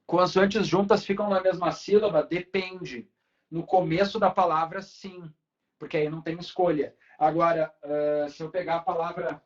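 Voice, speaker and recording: Casual high-voiced teacher, lo-fi. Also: male voice. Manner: casual, talks to students with frequent tag questions. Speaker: Portuguese teacher. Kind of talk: online class lecture. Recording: dull lo-fi recording.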